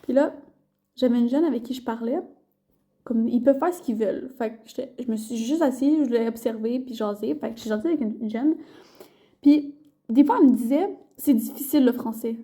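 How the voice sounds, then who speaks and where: A young woman with a Québécois accent talks casually to her camera in a vlog. Her voice sits high and sounds mellow and soft-edged. She rambles loosely, circling back with fillers and restarts. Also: brisk. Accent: Québécois French. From Quebec. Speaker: vlogger and student intern.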